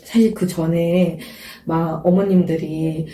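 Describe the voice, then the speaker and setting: A woman's voice: sits low, fairly even intonation, takes it slowly, warm tone, a little hiss or hum. Earnest young woman in a roomy space. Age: 20s. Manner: earnest, reflective storytelling. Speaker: guest. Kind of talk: casual interview chat. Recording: roomy sound from a distance.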